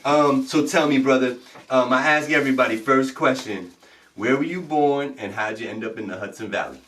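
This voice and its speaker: A man's voice: mid-range voice, normal speed, distant mic. Hyped male show host, off mic. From Puerto Rican family. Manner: hyped, shout-outs, talks to viewers. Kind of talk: casual interview. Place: studio in Beacon, New York.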